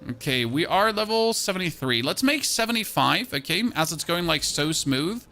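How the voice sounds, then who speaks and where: An animated man with a high-pitched, pushed and bright voice talks at normal speed while streaming a game. His casual chat with viewers rambles, and he repeats words each time he restarts a sentence.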